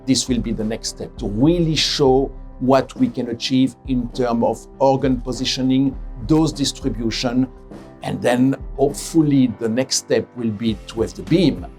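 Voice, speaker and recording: A middle-aged man from Belgium, a head of radiation oncology giving a measured interview, often correcting himself and stressing key words. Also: medium pitch, a little mellow, soft background music. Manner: measured, self-correcting, emphatic. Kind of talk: interview testimonial.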